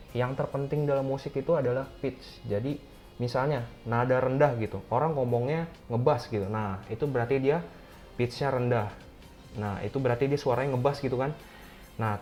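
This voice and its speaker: A man's voice: mid-range voice, darkish tone. Chatty young man teaching music basics. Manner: chatty, many fillers like "gitu" and "nah". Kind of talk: casual beginner music lesson.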